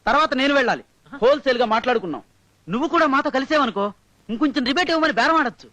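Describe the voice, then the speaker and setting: A cheeky bachelor, bright quick voice. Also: male voice, very high voice, animated, dry recording, heavily acted. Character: cheeky young bachelor roommate. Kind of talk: 1980s Telugu film acting.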